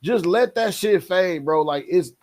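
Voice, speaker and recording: Guy on a podcast, kinda high voice, gets worked up and emphatic. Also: measured pace. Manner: animated, emphatic, frequent "bro" and "like". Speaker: podcast co-host. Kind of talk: casual profane chat.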